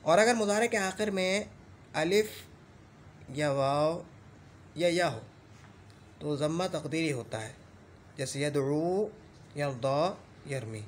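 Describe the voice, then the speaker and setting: Patient male grammar teacher, higher voice. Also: lively intonation, slight background noise. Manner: recites rule lists slowly and repeats them; explains patiently with frequent check-ins. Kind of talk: classroom grammar lesson.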